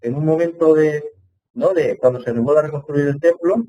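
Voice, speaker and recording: A man's voice: fairly high pitch, fairly quick, dark tone, lo-fi sound. A man attending an online Hebrew seminar, asking long winding questions and thinking aloud, on a computer mic. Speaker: seminar participant.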